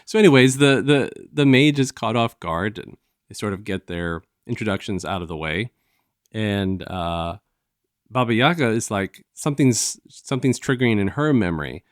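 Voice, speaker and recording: On his review show, a man retells the story in a casual, stop-and-start way, dropping into snatches of dialogue. His voice is fairly low, clear and resonant, at normal speed, captured in a dry recording with little room around it.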